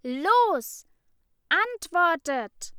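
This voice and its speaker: Woman doing a furious shouting schoolgirl. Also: very high voice, big pitch swings, extremely slow, dry recording, clean studio sound, pitched above the performer's own voice, heavily acted. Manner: shouting, accusing. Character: angry schoolgirl, furious and bossy.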